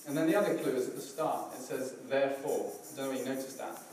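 Speaking at a quick pace in a medium-pitched, hoarse and crackly voice, a middle-aged male preacher gives an informal sermon to a congregation in a church hall. He comes across relaxed, self-mocking and hesitant, full of fillers and restarts. The distant recording picks up heavy echo and room noise.

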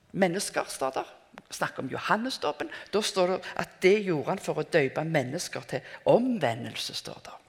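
Older lady preaching, chatty and thoughtful, voice swoops up and down, long echo in a hall. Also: low-pitched. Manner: reflective, conversational preaching with hesitant restarts. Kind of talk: sermon. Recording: reverberant hall.

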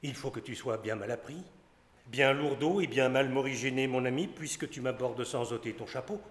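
A man's voice: mid-range voice, moderate pace, close to an everyday voice. An actor playing a pompous, boastful male doctor who lectures, counts out his points and shows off Latin, in stage acting of a classic comedy. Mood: haughty. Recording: echoey hall with long reverb.

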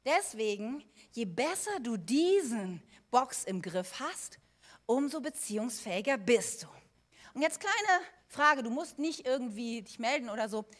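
A woman with a fairly high voice preaching a sermon. She speaks to each listener directly and plainly, switching between punchy emphasis and hushed, thoughtful lines. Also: unhurried. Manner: conversational, addressing listeners directly with everyday examples; lively, shifting between emphatic and quiet passages.

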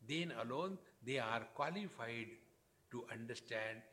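Male spiritual teacher, Indian accent, discourse delivery in short emphatic phrases, medium-pitched voice. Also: expressive, unhurried, a bit bright. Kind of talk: spiritual discourse with Sanskrit verse.

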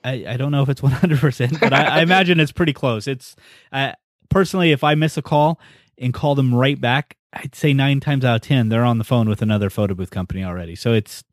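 A man's voice: mid-range voice, fast talker, no room sound. Easygoing male podcast host, dry sound. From United States. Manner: easygoing, leads the conversation. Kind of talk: casual podcast chat.

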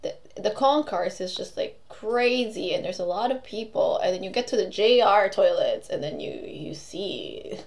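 A woman's voice: medium pitch, moderate pace, few pauses. A young woman from the Philippines chatting casually as a podcast co-host, telling stories with lots of giggles. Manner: giggly, animated storytelling. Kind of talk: casual chat.

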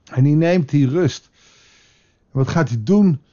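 A man's voice: on the high side, measured pace, dark tone, muffled recording. A man preaching a devotional sermon in a conversational way, now and then acting out quotes with a raised voice. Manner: conversational, with dramatic acted quotes. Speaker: pastor.

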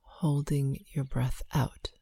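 Woman, guided meditation, slow breath counting, very unhurried, close dry sound. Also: extremely low pitch, level tone, mellow, husky, no room sound.

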